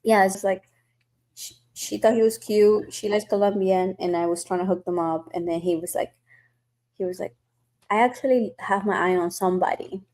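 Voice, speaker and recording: A woman hosts a podcast, telling stories in a chatty, casual way packed with fillers. Her voice is mid-range with a darkish tone, and she talks at normal speed.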